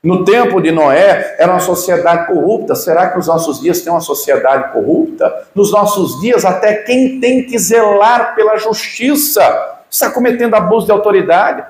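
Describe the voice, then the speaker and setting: A man's voice: high voice, normal speed, reverberant. A man with a Brazilian Portuguese accent preaching a sermon, emphatic and full of rhetorical questions. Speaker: pastor.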